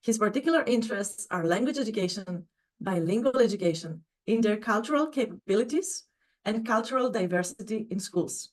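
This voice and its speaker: A woman hosting an education podcast, speaking in an effusive, warm way. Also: medium pitch, expressive, brisk. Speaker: podcast host. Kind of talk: podcast interview.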